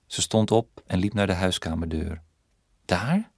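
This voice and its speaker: A man narrates an audiobook in a measured, even storytelling manner. His voice is very low and deep. The recording is close and dry, with no room sound. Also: creaky, dry recording.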